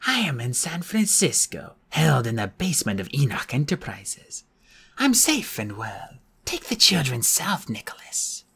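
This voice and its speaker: A man voicing a possessed young girl who speaks in a slow, harsh, croaking whisper, as if an ancient power talks through her. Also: medium pitch, huge pitch swings, exaggerated voice. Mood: distant. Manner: slow, menacing, hushed.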